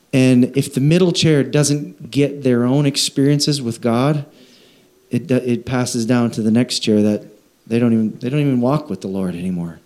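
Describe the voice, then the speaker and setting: A man preaching a conversational sermon, animated, with frequent restarts and repeated words. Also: medium pitch. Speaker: pastor.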